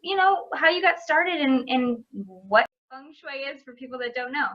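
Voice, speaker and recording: A woman's voice: sits high, moderate pace. Upbeat woman host, lo-fi sound. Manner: upbeat and enthusiastic. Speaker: podcast host. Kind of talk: interview hosting. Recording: dull lo-fi sound.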